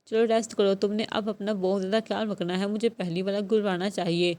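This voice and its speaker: A woman's voice: medium pitch, level tone, natural voice. Woman reading as a tender, teasing young husband. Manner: gentle, playful, then stern.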